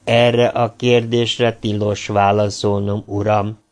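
A man reading an audiobook, voicing a captured male robot assassin who answers quietly, slowly and stubbornly. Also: on the low side, flat delivery, close to an everyday voice. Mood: defiant. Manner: soft, slow and stubborn.

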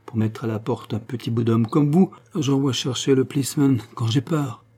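A man's voice: moderate pace, mellow, husky, close to an everyday voice. A man reading a novel aloud, voicing a scheming, sneering woman in a raised, mocking tone. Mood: scornful. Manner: sneering, mocking, shrill outbursts.

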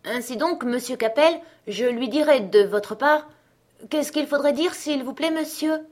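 A woman's voice: mid-range voice, moderate pace, breathy edge, close to an everyday voice. A woman reading the part of a sly, fussy male servant in an audiobook, with mock-indignant, sputtering scorn. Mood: wheedling.

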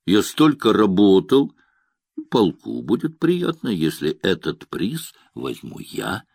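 A man's voice: lowish voice, very animated, slow pace, gravelly, a little mellow, dry recording, full character voice. A man reading the lines of a bored, dismissive young cavalry officer who answers curtly and woodenly, in an audiobook. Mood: self-assured. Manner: curt, dry, wooden.

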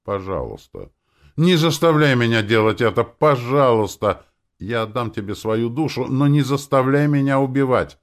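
A man's voice: medium pitch, expressive, normal speed, voice pushed up, lightly acted. A man voicing a tearful young woman who pleads in breathless half-whispers. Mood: pleading.

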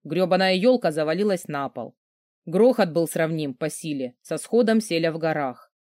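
A man narrating a novel in first person, sardonic and gruff. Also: fairly high pitch, expressive, normal speed, darkish tone, no echo, clean studio sound. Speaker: audiobook narrator.

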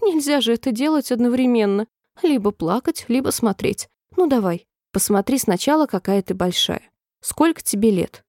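Storybook queen, old and fretful, very high wailing voice, voiced by a woman narrator; dry, mellow read. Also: normal speed, dry recording. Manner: wailing, squealing cries, then oddly calm.

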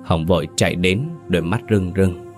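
A man narrating a scripted ghost story slowly and dramatically. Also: low-pitched, fairly even intonation. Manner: slow, dramatic. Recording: narration over soft music.

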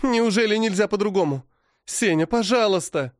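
A man voicing a fierce young woman warrior defending her husband, shrill and fiery, in an audiobook. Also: measured pace, dry recording, clean studio sound, close to an everyday voice. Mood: pleading. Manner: furious, pleading, shrill.

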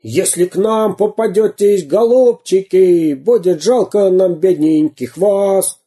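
A man's voice: high-pitched, slow pace, slightly rough, pitched above the performer's own voice, exaggerated voice. A man bellowing as a boastful pirate captain. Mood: singing. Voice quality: bellowing, shouty. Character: boisterous bearded male pirate captain, boastful and loud.

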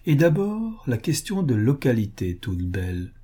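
A man voicing a sly male villain who speaks in a honeyed, ironic, mockingly gentle way. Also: mid-range voice, sing-song, measured pace. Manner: smooth, honeyed, mock-gentle.

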